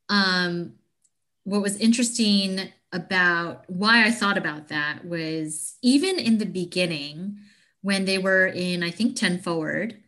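A woman from the United States co-hosting a podcast, talking reflectively and casually in a thoughtful, halting way. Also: lowish voice, bright, forceful tone. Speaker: podcast co-host. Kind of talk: casual chat.

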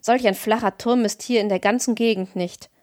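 Woman doing an old forest hunter guy, gruff but kind, folksy blunt talk, audiobook, dry. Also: a little high, fairly even intonation, moderate pace, a little mellow, no room sound, close to an everyday voice. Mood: kindly. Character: gruff, good-natured old male forester. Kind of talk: audiobook reading.

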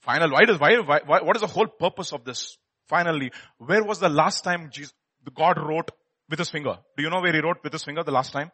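A man's voice: fairly high pitch, fast, pushed and bright. A man with an Indian accent preaching with personal testimony, emphatic and dramatic, repeating words and putting rhetorical questions to his listeners. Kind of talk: animated sermon with personal testimony.

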